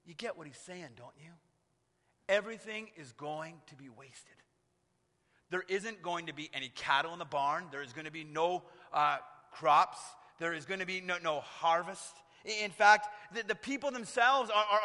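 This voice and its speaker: An earnest male pastor preaching, his voice sitting high for a man. He often turns to the listeners with rhetorical tag questions. His bright tone rings out into a long, lingering hall reverb. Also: normal speed. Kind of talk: sermon.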